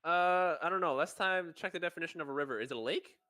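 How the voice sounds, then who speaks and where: A man hosting a live strategy game stream, commenting in an excitable, jokey, animated way. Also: fairly high pitch, fast talker, slight background noise. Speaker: stream host.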